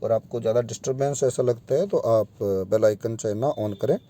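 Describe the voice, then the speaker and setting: A man's voice: mid-range voice, moderate pace, mellow. A man teaching English pronunciation in a video lesson, spelling out vowel sounds one by one and addressing his students directly.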